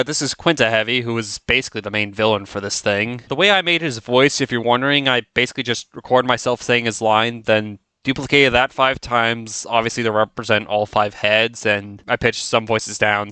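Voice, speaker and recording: A man's voice: mid-range voice, steady tone, normal speed, hardly any pauses, pushed and bright, clean tone, dry recording. A man giving casual, offhand, rambling commentary as a video creator looking back on his own work.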